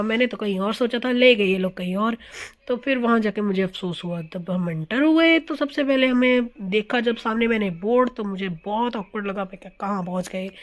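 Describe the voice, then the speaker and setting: A woman, narrating a casual family vlog as a voice-over in a chatty, amused way, dropping English words in. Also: mid-range voice. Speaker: vlogger.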